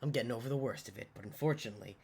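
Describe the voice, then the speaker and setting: A man whose voice is hoarse from a cold, rambling in a casual, self-deprecating way while commenting on a word game. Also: mid-range voice, very fast. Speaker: gaming channel host.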